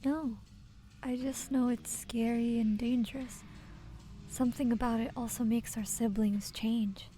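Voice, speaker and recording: A woman doing a game playthrough, reading dialogue aloud and reacting in a playful, expressive way. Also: fairly high pitch, a little slow, rough recording. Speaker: let's player.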